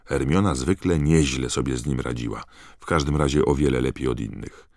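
A man narrating an audiobook in a low, measured way. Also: gravelly, darkish tone, dry recording, clean studio sound. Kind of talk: scripted narration.

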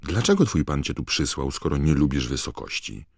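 A man's voice: rumbling low, very animated, brisk, creaky, a little mellow, husky, no room sound, studio quality, exaggerated voice. A man voicing a polite, puzzled teenage boy wizard in an audiobook, who asks plain, earnest questions. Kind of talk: audiobook character voice.

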